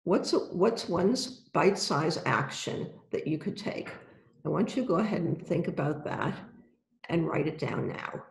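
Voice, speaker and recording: Creaky-voiced wellness coach in an echoey room. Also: medium pitch, lively intonation. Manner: deliberate, addresses listener directly. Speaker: health coach presenting a webinar. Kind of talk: instructional wellness presentation with guided visualization. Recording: roomy, echoey sound.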